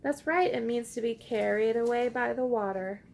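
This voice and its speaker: A teacher with a high, creaky voice reads a picture book aloud to young children at a moderate pace, with a little hiss or hum in the background. She is encouraging and expressive, asking simple questions and using call-and-response prompts to get the kids involved.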